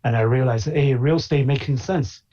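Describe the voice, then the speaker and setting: A man from China with a mid-range, dark-toned voice is interviewed as a guest, being both a physician and an investor. He talks hesitantly, full of filler pauses, over slightly dull call audio.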